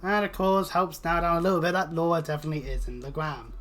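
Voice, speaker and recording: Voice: mid-range voice, fairly even intonation, quick pace, a bit bright. A British let's player giving casual, rambling gameplay commentary with plenty of swearing and sarcasm. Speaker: video game let's player. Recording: game music behind the voice. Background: video game music.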